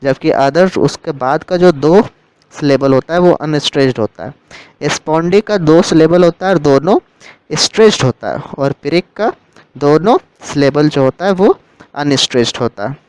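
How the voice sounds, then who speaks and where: A literature teacher explains a lesson in Hindi with English terms, moving patiently from term to term and repeating and rephrasing each one in a steady manner. His clear, crisp voice sits slightly high for a man, at a moderate pace. The recording is dry, close, and rough, with no room sound.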